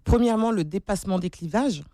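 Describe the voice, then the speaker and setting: A woman's voice: mid-range voice, a little fast, warm tone, dry recording. A woman, a political candidate, answering questions in a radio interview, earnest and at times hesitant with fillers. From Senegalese heritage.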